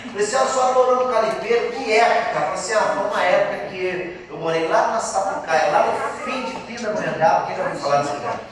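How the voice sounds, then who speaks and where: A man with a high-pitched voice preaches a Pentecostal testimony, acting out conversations and swelling into fervent pleas. His São Paulo interior accent rings through a very echoey church hall. He is heard from some distance from the microphone, with a long reverb trailing each phrase. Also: quick pace, few pauses, a little hiss or hum. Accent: São Paulo interior Brazilian Portuguese. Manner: animated storytelling, acts out quoted dialogue, rising to loud fervent preaching. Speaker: pastor.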